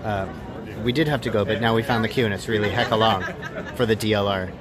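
A man's voice: on the low side, steady tone, quick pace, a crowd in the background. A middle-aged man recording a casual personal vlog on a handheld phone, rambling and self-deprecating as he talks. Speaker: running vlogger. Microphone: phone at arm's length.

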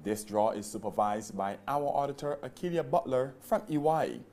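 A man's voice: mid-range voice, animated, normal speed, darkish tone. A middle-aged man presenting a televised lottery draw in a formal, emphatic announcer's delivery. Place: TV studio.

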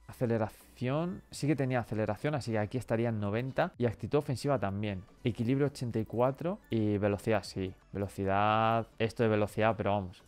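Excitable young Spanish gamer guy. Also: mid-range voice. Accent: Spain Spanish. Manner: excitable, shouts in bursts when lucky. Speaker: gaming YouTuber. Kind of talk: casual gameplay commentary.

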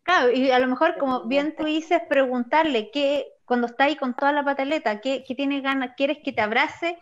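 A woman chatting animatedly as co-host, restarting her words often. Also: high-pitched. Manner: animated, quick, stumbling restarts. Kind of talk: casual talk show conversation. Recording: slightly dull lo-fi sound.

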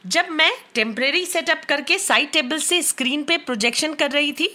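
Bright, high-voiced Indian woman reviewer. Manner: clear, matter-of-fact explaining. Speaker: tech reviewer. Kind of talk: product review narration. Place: bedroom at home.

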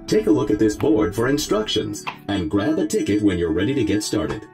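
Robot guide guy, synthetic voice, dry and calm, swoops up and down a lot. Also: lowish voice, a little fast, soft background music. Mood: instructive. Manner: calm, dry, matter-of-fact instructions. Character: polite robot guide of a game, male. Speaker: in-game guide.

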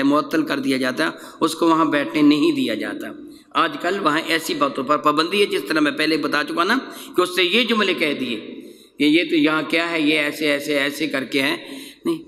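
A man leads a religious lesson, preaching in a bright, forward voice that sits somewhat high. He questions his listeners and slows down to recite scripture. His words ring out with a long reverb in a large hall. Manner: preaching, asks the audience rhetorical questions; recites scripture slowly, ends with a prayer. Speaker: religious teacher. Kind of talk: Quranic lesson.

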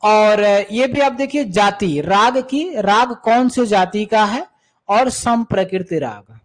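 High-voiced man coaching music exams. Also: takes it slowly, low-quality recording. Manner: repeats key terms, addresses students as beta. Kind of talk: online coaching lesson with viewer questions.

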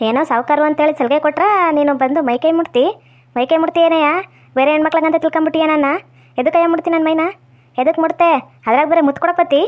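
A young woman doing a spirited village woman, North Karnataka Kannada accent, quick protesting talk, very high voice, muffled lo-fi audio. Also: steady tone, lightly acted. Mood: furious. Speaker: actor in a village skit. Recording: dull lo-fi audio.

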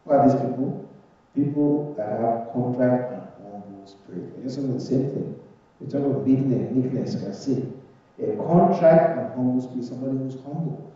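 Middle-aged male pastor, dark mellow voice, surging then hushed preaching, distant echoey church recording. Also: medium pitch, moderate pace. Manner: preaching with swells of volume and soft drops. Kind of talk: sermon. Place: church sanctuary, indoors. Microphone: far camera. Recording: echoey church room from far off, dull sound.

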